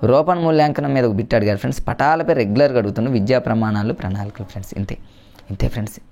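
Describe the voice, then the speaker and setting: A man runs through exam-prep memory tricks at a brisk clip. His voice sits at an ordinary middle pitch, and he keeps the tone chatty, calling his viewers friends as he goes. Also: darkish tone. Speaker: exam coaching teacher.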